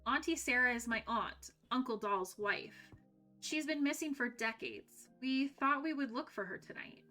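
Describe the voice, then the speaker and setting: A woman's voice: high-pitched, measured pace, bright, forceful tone, soft background music, pitched above the performer's own voice. A woman voicing a curious, brave young girl doll in a storybook reading who calls out eagerly. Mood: earnest.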